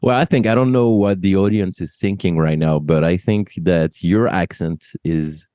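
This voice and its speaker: Deep-voiced man hosting an interview. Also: moderate pace, mellow, no room sound. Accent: light French. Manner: encouraging, rephrases answers. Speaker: host. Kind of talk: casual interview.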